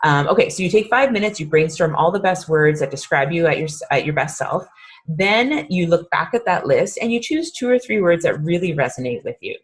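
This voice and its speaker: A woman's voice: on the low side, expressive, a little fast, slightly rough. A woman in her thirties, a fitness coach, leading a casual, upbeat workshop talk with lots of fillers. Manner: chatty, upbeat, filler-heavy.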